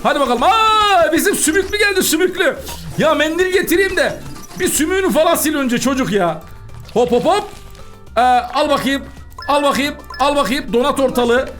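Super high-pitched guy hyped up, chatting through a game, light music in back. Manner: fast, excitable, chatty, talks to game customers. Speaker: gaming channel host. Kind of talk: excited gameplay commentary.

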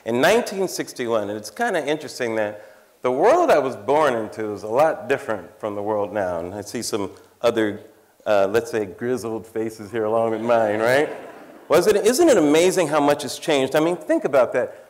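On a large theater stage in front of a live audience, a man in his fifties, a comedian and cultural commentator, delivers a wry stand-up style talk. He speaks at normal speed in a mid-range voice with lively intonation, ribbing the audience and chuckling at his own lines.

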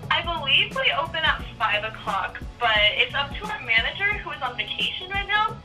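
Very bright woman on speakerphone. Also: sits high, big pitch swings, fairly quick, faint music behind. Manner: patient, explanatory. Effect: phone speaker. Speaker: store employee answering phone. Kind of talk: casual customer service talk. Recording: phone call heard through speakerphone.

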